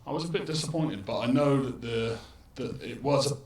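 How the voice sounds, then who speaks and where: A man of medium pitch and somewhat dark tone talks briskly while streaming a game live, thinking aloud in a chatty way. His built-in webcam mic is far off, producing a tunnel-like echo and faint ambient noise.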